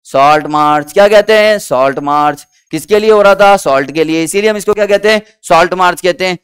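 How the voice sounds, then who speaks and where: A man's voice: high voice, brisk, a bit bright, smooth. A man teaching a history lesson in Hindi-English mix, constantly asking the class questions and having them repeat answers. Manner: quizzes students with repeated questions and calls them beta, acts out short quoted bits. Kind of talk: energetic classroom-style lesson.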